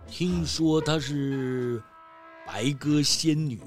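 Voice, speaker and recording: Guy doing a kindly old grandpa, slow chuckly storybook voice, bit of music behind. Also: a little high. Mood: kindly, warning. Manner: slow, chuckling, proverb-like speech. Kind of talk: storybook character voice.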